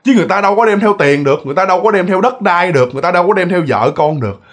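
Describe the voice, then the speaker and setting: Rapid-fire and expressive, this high-pitched male narrator spins ghost stories in a Southern Vietnamese accent. His casual telling is chatty, repeats itself, and speaks straight to the audience.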